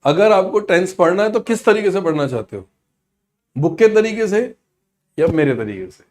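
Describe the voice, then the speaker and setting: Guy teaching an online class, pretty high voice, lively and pushy, tosses in english bits. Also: moderate pace. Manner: energetic, coaxing, mixes in English phrases.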